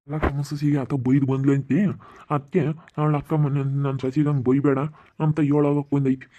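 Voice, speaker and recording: A man playing a stern older village man who scolds the women to keep quiet, in an amateur skit. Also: mid-range voice, completely flat delivery, brisk, slight background noise, lightly acted. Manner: admonishing, repeats rhetorical questions. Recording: tinny phone-like audio.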